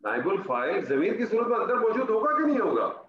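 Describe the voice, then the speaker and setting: A man's voice: high-pitched, very animated. A male Arabic grammar teacher giving an online class, patiently drilling students with repeated example sentences. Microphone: online call audio. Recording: dull roomy call audio with faint noise.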